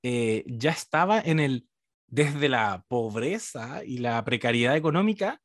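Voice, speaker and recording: A man's voice: medium pitch, a little slow, dry recording. Chilean man, dry close voice. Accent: Chilean Spanish. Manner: lively, joking, self-correcting. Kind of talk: casual chat.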